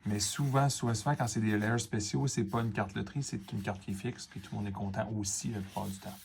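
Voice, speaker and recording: A man with a Quebec French accent hosts a casual card-opening video, talking straight to the camera in a somewhat low voice. He rambles through his comments, full of fillers and little asides. A faint background noise sits under the recording. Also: fairly even intonation, brisk, gravelly. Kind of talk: casual unboxing chat to camera.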